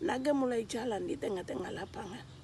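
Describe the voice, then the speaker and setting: A woman giving a spoken religious testimony, telling her story earnestly and building to loud, tearful intensity. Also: on the high side, brisk, a little hiss or hum.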